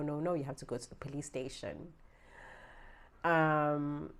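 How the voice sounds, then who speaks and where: Young South African woman, South African accent, low voice, animated storytime vlogger who swears and flares up. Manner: animated, swears freely, swings from low asides to loud outbursts. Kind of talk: storytime vlog. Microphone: small handheld gimbal camera.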